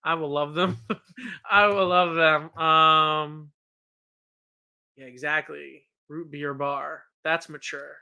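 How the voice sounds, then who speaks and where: A man's voice: on the high side, steady tone, slow, creaky, long pauses, sharp tone, clear, resonant tone. A man in his thirties co-hosting a podcast in casual chat, rambling and self-deprecating with many restarts. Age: 30s. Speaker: podcast co-host.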